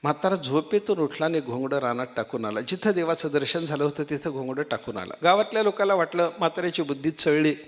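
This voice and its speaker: A man's voice: a little high, animated, quick pace, few pauses. A man preaching a devotional sermon in a storytelling manner, repeating phrases and asking rhetorical questions. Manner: repeats phrases, acts out quotes, asks the audience rhetorical questions. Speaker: religious preacher.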